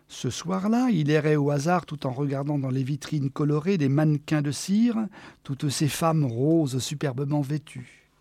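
A man reading a short story aloud as an audiobook, expressive and slowing down for the quiet moments. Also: fairly high pitch, dry recording.

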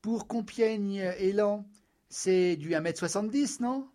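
A man's voice: high voice, slow, dark tone, voice pushed up. A man voicing an arrogant young officer who cuts others off and gives short commands. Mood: curt. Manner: curt, commanding, dismissive. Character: arrogant, domineering young male officer bargaining. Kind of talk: audiobook character voice.

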